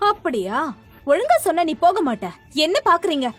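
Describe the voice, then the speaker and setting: A woman's voice: very high-pitched, wildly swooping pitch, moderate pace, soft background music, exaggerated voice. An actress playing a spiteful young rich woman who gives bossy, sneering orders in a dubbed drama. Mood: scornful.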